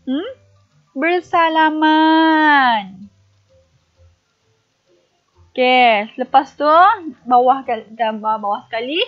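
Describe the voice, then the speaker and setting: A woman teacher with a high, light voice leads a recorded online lesson at an unhurried pace. She patiently puts questions to her young pupils and then answers them herself. The recording sounds dull and lo-fi. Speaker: primary school teacher.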